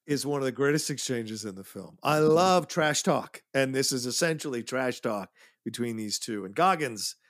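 A man's voice: mid-range voice, animated, moderate pace, a bit bright, no room sound, studio quality. A man co-hosting a podcast, talking with enthusiasm and laughing often in casual chat. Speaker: podcast co-host. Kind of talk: casual podcast film discussion.

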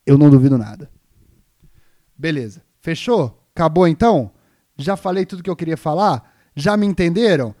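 A man's voice: fairly high pitch, animated, moderate pace, no echo, clean studio sound. A young man hosting a podcast, ranting in a comedic, exaggerated, mock-outraged way. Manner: exaggerated, mock-outraged, shifts between loud and mumbled. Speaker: podcast host. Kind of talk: comedic rant on a live stream.

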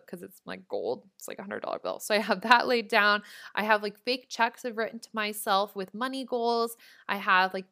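A woman's voice: mid-range voice, sharp tone, clean tone. A young woman hosting a podcast in casual chat, talking chattily with many "like" fillers and laughing at her own slips. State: voice cracking. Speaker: podcast host.

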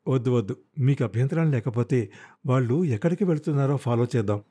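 A man's voice: medium pitch, animated, quick pace, warm tone, husky. A man voicing a bitter, vengeful young man who speaks in a tense, restrained way, in an audiobook. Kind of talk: audiobook character voice.

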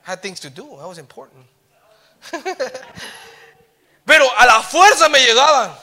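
A middle-aged male preacher giving a sermon, switching between Spanish and English, with joking asides and swells into loud, emphatic exhortation. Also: very high-pitched, very animated, measured pace.

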